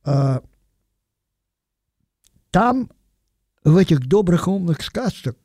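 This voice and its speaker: A man's voice: high voice, lively intonation, slow pace, dark tone, no room sound, clean studio sound. An older man giving a thoughtful, digressive sermon and dwelling on single words. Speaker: preacher. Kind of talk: reflective sermon.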